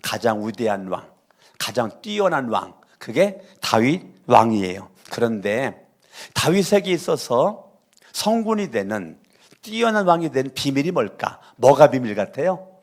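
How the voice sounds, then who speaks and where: Korean pastor preaching with call-and-response. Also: male voice, mid-range voice, big pitch swings, a little slow. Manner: preaching, calls on the congregation to repeat lines; swings between loud exhortation and soft intimate asides. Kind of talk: sermon.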